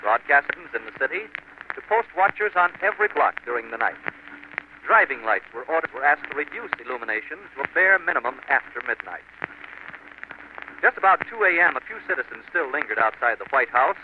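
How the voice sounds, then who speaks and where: A man delivering a measured live news report as a radio correspondent, heard through an old 1940s broadcast. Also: medium pitch. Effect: old 1940s radio broadcast sound. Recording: tinny old radio recording with loud hiss.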